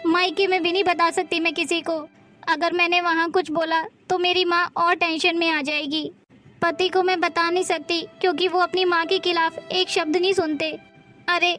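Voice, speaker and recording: A woman playing a meek, hurt daughter-in-law. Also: very high-pitched. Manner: plaintive, soft-spoken. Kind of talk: family drama skit.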